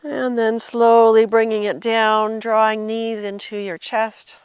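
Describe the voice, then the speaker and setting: A woman yoga instructor gently talking a class through poses as she does them herself. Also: on the high side, level tone, slow pace, smooth, dry recording. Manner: gentle cueing while demonstrating the poses herself.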